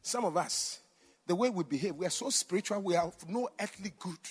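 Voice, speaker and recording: High-voiced Ghanaian preacher telling a story. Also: male voice, fairly quick, breathy edge, soft background music. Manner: animated, swings from hushed to shouting, addresses the audience directly. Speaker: pastor. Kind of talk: storytelling sermon.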